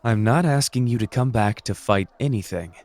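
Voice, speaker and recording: With a fairly low pitch and a lightly acted delivery, a man plays a suave renegade sorcerer in an anime audio roleplay. He speaks in a measured, formal, gently manipulative way aimed at smooth persuasion, and the recording carries no room sound.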